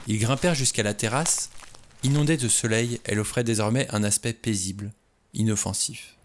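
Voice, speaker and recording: A man reading a novel aloud in steady, measured narration. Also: on the low side, a little hiss or hum. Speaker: audiobook reader. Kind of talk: scripted narration.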